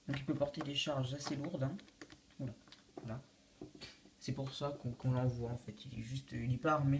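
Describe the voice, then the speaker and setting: A teenage boy presenting his Lego build for his channel in a casual, halting way, often restarting his sentences. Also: mid-range voice, a little mellow, a little hiss or hum. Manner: hesitant, many fillers and restarts. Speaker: YouTube host showing a Lego build. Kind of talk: casual video walkthrough.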